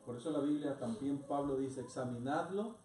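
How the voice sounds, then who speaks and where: Male pastor, earnest sermon, mid pitch, distant roomy hall recording. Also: moderate pace, mellow. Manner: earnest preaching with rhetorical questions. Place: church hall. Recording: echoey church hall from far off, noisy.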